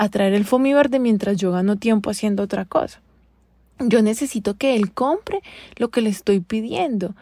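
A woman's voice: on the high side, darkish tone. A woman talks straight to her viewers in a casual monologue, venting with rhetorical questions. Her tone is wry and exasperated. The sound is close and dry, with no room echo. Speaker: vlogger addressing women.

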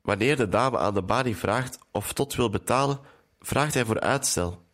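Man, mid pitch, calm storytelling narration. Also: moderate pace. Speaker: narrator retelling a film.

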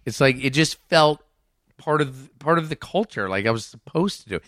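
A man's voice: medium pitch, animated, moderate pace, a bit bright, no room sound, clean studio sound. A middle-aged man, a podcast guest and author, telling frank, self-mocking stories in casual conversation, swearing now and then. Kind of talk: candid conversational storytelling.

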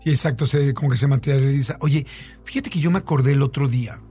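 A man's voice: mid-range voice, fast, warm tone, faint music behind. A man with a Mexican accent telling a long story in casual chat, with many fillers and repeats.

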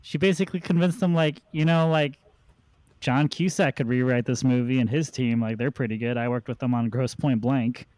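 A man's voice: mid-range voice, moderate pace, no echo. Man, podcast host, casual storytelling, dry close sound. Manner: relaxed anecdotal storyteller, laughs often.

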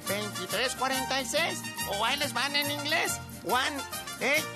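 A woman's voice: high-pitched, over loud music. A woman voicing a preachy older lady who calls the listeners her children and pleads with them to phone in. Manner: sanctimonious, pleading, reads phone number slowly.

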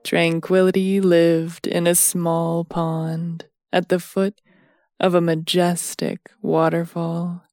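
A woman narrating a sleep story in a slow, soothing bedtime manner. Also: lowish voice, flat delivery, darkish tone, no echo, clean studio sound.

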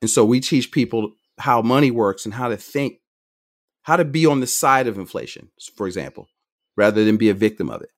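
A middle-aged man, a financial advisor guest on a podcast, talking quickly and energetically, often restarting his sentences. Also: fairly low pitch. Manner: energetic, talks fast, jumps between points with restarts. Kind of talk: conversational podcast interview.

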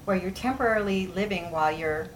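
A woman's voice: fairly low pitch, quick pace, slight background noise, low-quality recording. Friendly woman co-host asking questions. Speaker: podcast co-host. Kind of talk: casual interview conversation.

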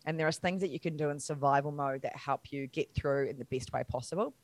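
A woman's voice: low-pitched, fast talker, no echo. A middle-aged woman from New Zealand, an interview guest telling her own story candidly, acting out quoted voices and laughing at herself.

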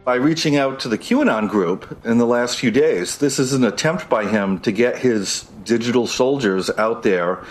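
A man's voice: mid-range voice, normal speed, few pauses, soft background music, low-quality recording. A man giving explanatory analysis as an expert in a news interview. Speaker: expert commentator. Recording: faint background noise.

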